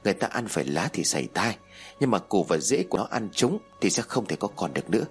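A man's voice: lowish voice, very animated, quick pace, faint music behind. Man reading a conniving young schemer. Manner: persuasive, conniving. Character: scheming young man plotting against his sister-in-law.

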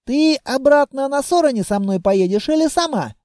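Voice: high-pitched, lively intonation, normal speed, darkish tone, no room sound, studio quality, pitched above the performer's own voice. A reader voicing a stern adult witch who speaks in a reproachful way in an audiobook.

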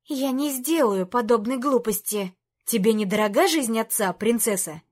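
A woman voicing a greedy young knight who mocks and threatens, often loud. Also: a little high, moderate pace, close to an everyday voice. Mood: mocking threat. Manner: mocking, shouting, through clenched teeth. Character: treacherous young male knight, greedy and defiant.

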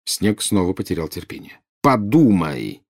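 A man reads the narration of an audiobook in a calm, quiet tone. His voice sits low. He delivers the narrative lines plainly between the characters' lines. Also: brisk, slightly rough. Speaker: audiobook reader. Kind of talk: scripted narration.

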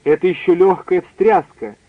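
A man's voice: high-pitched, moderate pace, dry recording. A man reading aloud who voices a hot-tempered adult man who barks orders. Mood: angry. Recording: dry tinny phone-like line.

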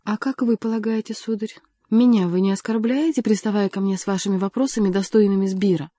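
A woman reading an audiobook voices a calm, ironic young male courtier who teases his opponent. Dry, close recording. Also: mid-range voice, a little fast, dry recording, close to an everyday voice. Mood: mocking. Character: mocking, cool-headed young male courtier.

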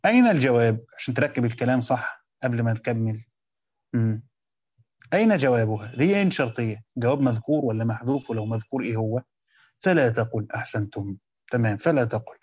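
A man with an Egyptian accent teaching a lesson on a classical text, reading passages slowly and then explaining them in quick colloquial asides while quizzing his students. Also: mid-range voice, expressive, a little mellow, husky. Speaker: teacher of Quran commentary.

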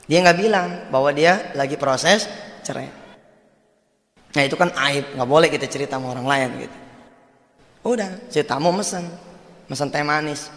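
A man with a Jakarta accent delivers a storytelling sermon, shifting into casual street slang and jokes. His voice sits somewhat high for a man. The sound carries a long, echoing hall reverb. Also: normal speed, pauses often, a bit bright. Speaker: preacher.

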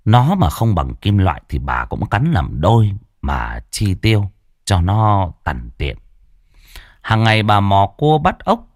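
Male narrator for a ghost story: deep voice, lively dramatic reading, dry close sound. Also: no echo.

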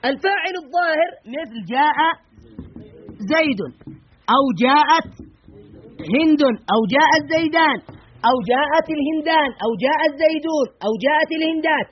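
Male teacher with a very high voice who drills and quizzes his class fast. Dull lo-fi recording. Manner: drills examples in rhythmic lists, quizzing students. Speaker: grammar teacher. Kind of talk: classroom grammar lesson with questions to students.

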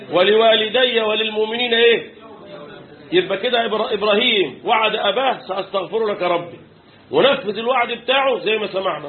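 A high-pitched Egyptian man gives a religious lesson, quizzing his audience and answering his own questions. He recites verses in a slow, drawn-out way. The recording is thin and phone-like, with faint hiss underneath. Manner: asks questions and answers them, quotes verses slowly. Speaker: Islamic teacher explaining Quran commentary.

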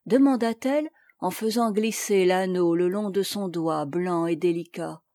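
A woman narrating a classic tale as an audiobook reader, measured and calm. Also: fairly low pitch, no room sound, studio quality. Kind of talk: scripted narration.

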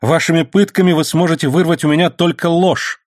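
A man's voice: quick pace, dry recording, studio quality, close to an everyday voice. A man reading an audiobook, voicing a guilty young nobleman who pleads frantically. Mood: indignant. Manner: frantic, high-strung pleading.

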